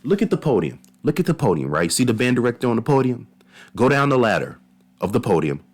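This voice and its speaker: Speaking fast at a medium pitch, this man gives a casual, energetic reaction to a marching band face-off, using slang and talking right to his viewers.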